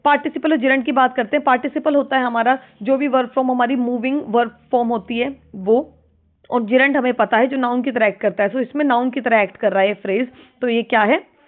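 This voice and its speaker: A woman teacher goes through exam questions one by one. She reads each English question slowly and deliberately, then explains it at a brisk pace. Her fairly high voice comes through a thin, tinny phone-like recording. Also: steady tone.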